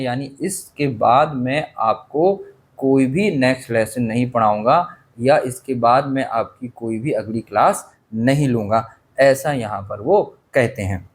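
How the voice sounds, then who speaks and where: A male teacher explaining an English chapter in a lesson, pausing to ask his class rhetorical questions and coughing now and then. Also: medium pitch, slightly rough. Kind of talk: Hindi-medium English literature lesson.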